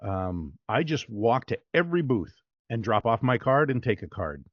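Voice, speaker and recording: A male voice-over artist, talking casually as an interview guest, in a relaxed and chatty way with fillers. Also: medium pitch, moderate pace, no room sound, highs cut off.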